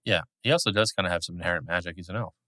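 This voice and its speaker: A man with a very deep but bright, forceful voice fires off short, quick replies on a casual podcast. His humor is dry and sarcastic. The sound is close and dry. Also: dry recording. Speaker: podcast co-host and game master. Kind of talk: casual chat.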